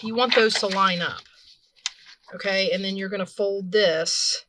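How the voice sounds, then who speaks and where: A woman with a bright, clear voice talks viewers through a hands-on craft tutorial in a relaxed, chatty way. She narrates while her hands stay busy and often stops to rephrase or correct herself mid-sentence. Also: medium pitch, unhurried, slight background noise. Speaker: craft video host.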